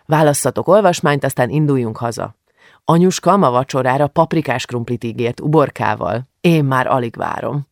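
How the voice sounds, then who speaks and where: A man doing a cheerful gravelly storybook father. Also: mid-range voice, no room sound, studio quality, lightly acted. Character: warm cheerful father, middle-aged man.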